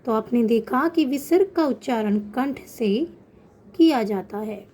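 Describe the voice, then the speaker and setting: A woman teaching children online, speaking slowly and patiently. Her voice is mellow and a little high, and she draws out example words so they can be heard clearly. A faint hum sits behind her. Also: expressive. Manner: patient, explanatory, addresses children; slows down to pronounce example words. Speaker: Sanskrit teacher. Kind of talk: online class lesson.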